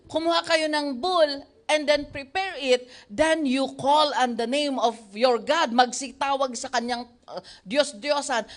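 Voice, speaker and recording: Lively Filipina woman pastor preaching. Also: high-pitched. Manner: lively, laughs often, mixes languages, acts out the voices of the story's speakers. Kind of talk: sermon retelling a Bible story.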